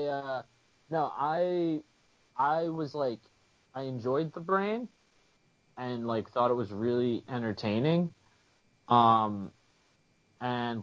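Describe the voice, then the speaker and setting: A man co-hosting a TV podcast in casual chat, rambling with many restarts. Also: fairly low pitch. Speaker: podcast co-host. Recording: muffled lo-fi audio.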